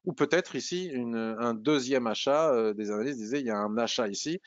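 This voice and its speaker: A man's voice: medium pitch, brisk, dry recording, dull audio. Hesitant man explaining trading charts. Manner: thinking aloud, frequent hesitations and restarts. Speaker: trading analysis presenter. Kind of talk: screen-share chart tutorial.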